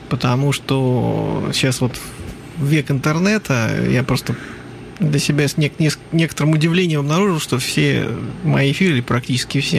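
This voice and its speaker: A man presenting on a radio music programme in casual talk, halting and reflective with many pauses. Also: medium pitch, gravelly. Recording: faint noise behind the voice.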